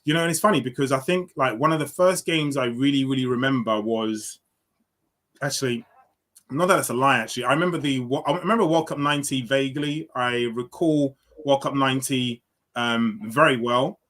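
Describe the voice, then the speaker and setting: A man from London talks through his football story in a relaxed, thoughtful interview, his voice sitting at an ordinary middle pitch. He often restarts sentences and leans on fillers as he looks back on his path. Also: a little fast. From London, England. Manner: reflective, many fillers and restarts. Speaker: football guest. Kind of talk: casual interview answers.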